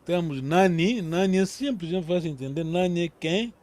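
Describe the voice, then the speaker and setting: A man's voice: sits high, normal speed, darkish tone. A man teaching a language lesson, patiently repeating words and correcting his students' pronunciation.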